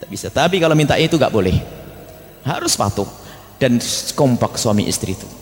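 A man preaching a religious study sermon, emphatic and blunt, sometimes scolding and sometimes gentle. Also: mid-range voice, very animated, brisk, in a large hall. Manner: emphatic, blunt scolding mixed with tender asides.

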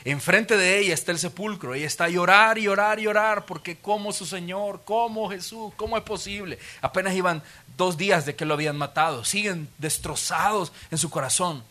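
A man, preaching a sermon as a pastor and retelling the story in an animated, vivid way. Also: sits high, fairly quick, hardly any pauses.

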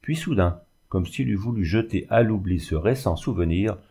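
A man reading a classic story aloud in a measured, expressive way. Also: deep voice, husky. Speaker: audiobook reader. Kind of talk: scripted narration of a classic story.

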